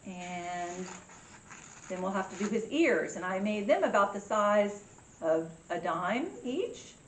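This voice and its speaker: A woman's voice: medium pitch, lively intonation, takes it slowly. A woman presenting a step-by-step craft tutorial for children, with simple instructions and a cheery children's-host way of talking. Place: indoor room with echo. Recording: echoey room with faint background noise.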